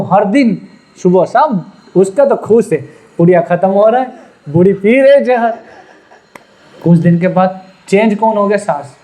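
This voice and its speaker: A man's voice: high voice, warm tone. A man preaching a sermon as a story, acting out its characters and quizzing his listeners with questions. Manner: acts out quoted characters and quizzes the audience; apologetic, humble asides.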